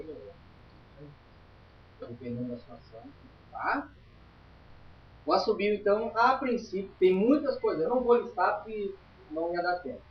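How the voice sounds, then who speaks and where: A man's voice: on the high side, distant mic, a little hiss or hum. A man teaching a spiritualist study group in an informal lecture, chatty and emphatic, often checking in with his listeners. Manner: chatty, emphatic, tags lines with "tá?". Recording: roomy, dull lo-fi room recording.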